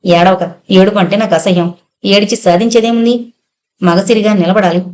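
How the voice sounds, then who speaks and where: A woman voicing a gruff male outlaw. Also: medium pitch, fairly even intonation, normal speed, a little mellow, lightly acted. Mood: lecturing. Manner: harsh, commanding, then lecturing.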